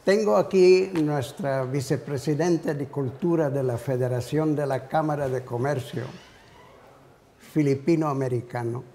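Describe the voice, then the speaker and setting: An older man making unscripted remarks to introduce a colleague, halting and broken into short phrases. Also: a little high, mellow. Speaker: panel speaker introducing a colleague. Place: indoor conference hall, panel table. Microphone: table conference microphone.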